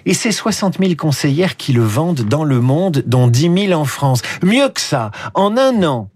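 A man presenting a lively, chatty press review on the radio, stumbling over names and adding asides. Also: fairly high pitch, moderate pace. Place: radio studio.

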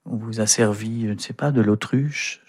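A man's voice: on the low side, normal speed, a little mellow, breathy edge. A male radio host interviewing a guest in an easygoing, joking way, with hesitant fillers.

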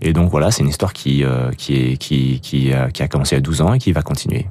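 A young man speaking as a guest in a radio interview, often pausing and restarting his sentences. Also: a bass voice, darkish tone, no echo. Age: young adult. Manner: hesitant, many fillers and restarts. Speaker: guest, jeans brand founder.

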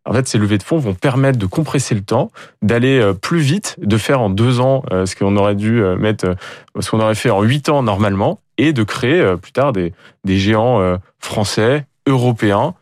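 A man's voice: fairly low pitch, normal speed, a little mellow, dry recording, clean studio sound. A man, a company founder, answering interview questions in a hesitant way, with many fillers and repeated words.

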